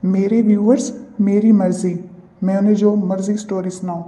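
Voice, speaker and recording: A man's voice: sits high, level tone, normal speed, warm tone, lightly acted. A man voicing a bossy, quarrelsome young woman in a cartoon who keeps scolding and repeating herself. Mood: indignant. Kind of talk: cartoon voice acting. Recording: roomy, dull lo-fi recording.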